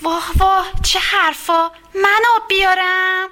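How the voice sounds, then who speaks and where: Brief: woman doing spoiled rude girl for a kids' story, whiny and scornful, very high. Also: little pitch movement, sharp tone. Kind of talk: children's storybook reading.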